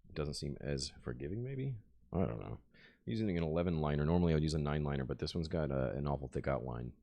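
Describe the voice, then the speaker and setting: A man's voice: a bass voice, expressive, fast, dark tone. A man, a tattoo artist, chatting casually on a live stream as he works, explaining technique in a laid-back way into a desk microphone. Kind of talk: casual live-stream chat while working.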